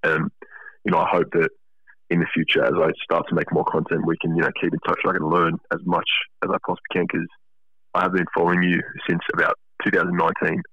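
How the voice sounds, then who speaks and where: Teenage Australian male, deep and rapid, earnest and courteous in casual talk, muffled radio-like sound. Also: monotone, husky, no room sound. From Wollongong, Australia. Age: teens, about sixteen. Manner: earnest, polite, grateful. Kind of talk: casual chat.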